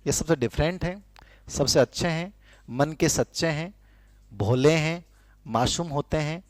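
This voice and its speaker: Hindi teacher dictating a psychology lecture. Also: male voice, a little high, a little slow, no echo. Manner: conversational, repeats key terms for notes.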